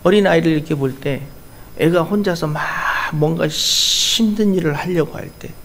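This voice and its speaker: A male pastor preaching a sermon in church, earnest and shifting between loud urging and soft asides. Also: a little high, moderate pace, slight background noise.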